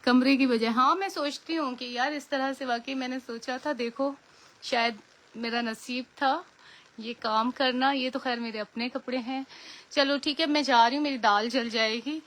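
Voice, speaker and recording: A woman's voice: high voice, fairly even intonation, moderate pace, a bit bright. A woman with a Pakistani Urdu accent, chatting casually on a live stream as a preloved clothing seller, often repeating pious phrases and firm about fixed prices.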